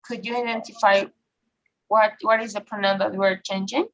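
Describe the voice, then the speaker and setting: A woman's voice: mid-range voice, fairly even intonation, normal speed, muffled recording. A woman teaching an English grammar class online, often checking in with "okay?" and "right?". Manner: frequent checking questions, filler okay and right.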